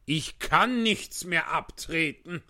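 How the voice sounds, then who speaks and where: A man's voice: on the high side, lively intonation, slow, sharp tone, no echo, studio quality, voice pushed up, full character voice. A man voicing a timid, trembling hatter in a storybook reading, pleading in a quavering voice. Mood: fearful.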